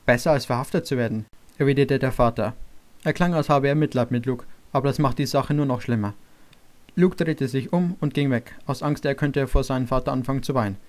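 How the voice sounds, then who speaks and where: A man narrating an audiobook in a steady, even manner. His voice sits at a middle pitch for a man. He reads the story at an unhurried pace. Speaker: audiobook reader. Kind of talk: scripted narration.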